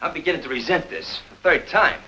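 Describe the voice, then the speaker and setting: An actor playing a defiant, cornered crook in a 1950s film, protesting in an agitated, sneering way. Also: male voice, on the high side, a little fast, creaky, bright, forceful tone, slight background noise, heavily acted. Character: defiant cornered male crook, jumpy and mouthy. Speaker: suspect. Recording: dull lo-fi 1950s film audio.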